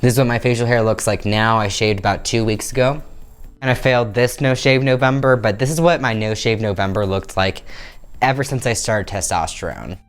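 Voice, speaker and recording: A young man in his twenties vlogs candidly to camera from a small bedroom, wearing a clip-on lapel mic. His smooth, lowish voice runs a little fast, and he's upbeat, gesturing animatedly.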